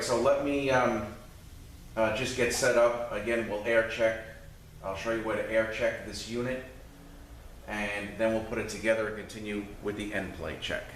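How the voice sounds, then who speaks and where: A transmission mechanic gives an informal hands-on walkthrough, explaining a repair step by step. His fairly low, fairly bright voice stays fairly even at a moderate pace. The distant mic picks up a roomy, echoing space and faint noise.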